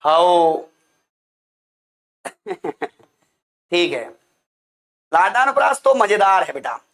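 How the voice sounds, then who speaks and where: A man's voice: high-pitched, sing-song, very slow, fairly bright tone. A man teaching an online class, drilling points with repeated questions and answers and calling his students "beta".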